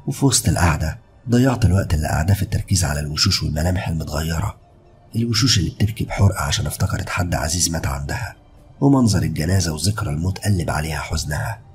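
A man with an Egyptian accent narrating a first-person horror story in a steady, brooding way. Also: rumbling low. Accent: Egyptian Arabic.

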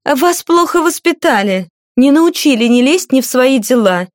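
In this audiobook reading, a woman performs a spiteful, shrill noblewoman, the domineering mistress of a page, who hisses and snaps at him in fury and haughtiness. The voice sits high, above the narrator's own, with lively intonation and a moderate pace, recorded dry in studio quality.

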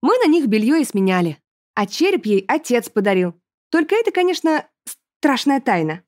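A woman's voice: on the high side, very animated, normal speed, no echo, studio quality, voice pushed up. A woman reading an audiobook, voicing a sweet, eager, bookish student girl with a chatty manner. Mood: secretive.

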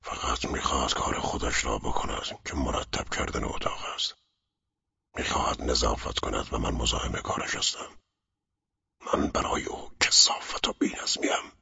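A man voicing a weary, dying middle-aged judge, talking in a husky, pained, half-whispered mutter. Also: a bass voice, sharp tone, no echo, exaggerated voice. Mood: whispering, bitter. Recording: dull lo-fi recording.

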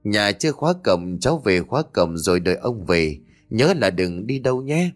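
A grave old village elder with a low voice, stern and calm, scolding like a grandfather, as a man reads him in an audiobook. The voice swings up and down, with faint music behind. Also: normal speed. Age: older.

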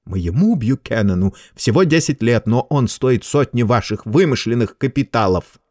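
A man voicing a cunning, high-strung male schoolteacher who exclaims loudly in a raised voice. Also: expressive, normal speed, dry recording, studio quality, close to an everyday voice. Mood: commanding.

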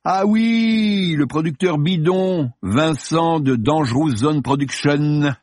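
A man puts on a vain, easily rattled male film star in an audiobook. The voice sits well above the reader's own, loud and shrill, swinging wildly between scorn and panic. A husky edge and a dry, close sound. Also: very animated, normal speed, no echo. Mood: mocking. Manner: shrill, blustering then pleading. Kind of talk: audiobook character voice.

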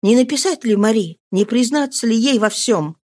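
A woman's voice: fairly high pitch, lively intonation, normal speed, darkish tone, dry recording. A woman voicing a troubled young man brooding alone, as an audiobook monologue. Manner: brooding, self-questioning inner monologue. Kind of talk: audiobook reading.

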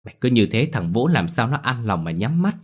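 A man's voice: medium pitch, sing-song, brisk, voice pushed up. A man voicing a stern older father-in-law scolding his grieving daughter in an audio ghost story. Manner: gruff scolding.

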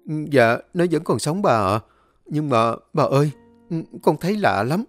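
A timid young servant lad, stammering and crying out as a male narrator plays him. His voice rides well above the storyteller's usual pitch and rings loud, over faint music. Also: normal speed, lightly acted. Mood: uneasy. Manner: stammering, panicked cries.

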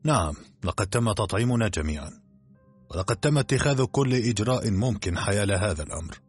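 Male reader plays a blunt, matter-of-fact doctor; low, husky tone, light music underneath. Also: lively intonation, quick pace. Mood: curt. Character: curt, rational male expedition doctor.

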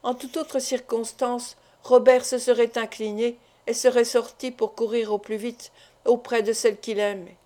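A woman reading a classic novel aloud as an audiobook narrator, in a measured, literary way. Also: a little high, flat delivery, warm tone. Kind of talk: scripted narration.

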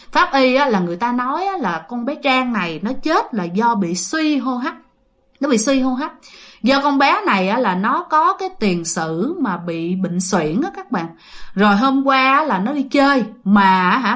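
A woman's voice: high-pitched, a bit bright. A woman with a Southern Vietnamese accent telling a ghost story in a chatty, filler-heavy way, often addressing her listeners. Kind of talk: casual ghost story narration.

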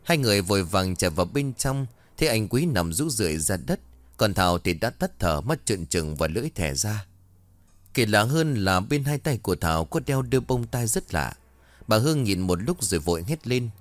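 A man tells a ghost story dramatically, and his pitch moves widely. His voice is low. The recording is dry and close. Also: very animated, moderate pace, no echo. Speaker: narrator. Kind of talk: horror story narration.

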